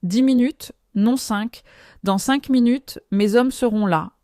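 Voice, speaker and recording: A woman voicing a furious, commanding middle-aged father with a deep voice, giving firm, clipped orders in a storybook narration. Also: takes it slowly, warm tone, no echo, studio quality, heavily acted.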